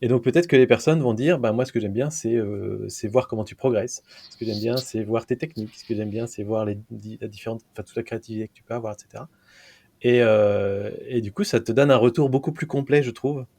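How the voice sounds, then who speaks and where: A man's voice: medium pitch, a little fast, dark tone. A man hosting a podcast, interviewing his guest casually, thinking aloud with frequent fillers. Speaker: podcast host.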